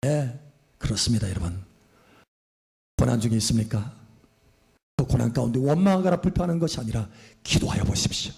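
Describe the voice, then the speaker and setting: A man's voice: mid-range voice, expressive, a little fast, creaky, pauses often, darkish tone. A male pastor preaching a fervent sermon, often calling out hallelujah and putting questions to the congregation.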